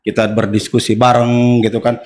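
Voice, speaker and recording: A man in his forties, a guest official on a podcast, explaining things step by step in a relaxed way and often agreeing with short replies. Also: mid-range voice, normal speed. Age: 40s. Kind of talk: casual podcast conversation.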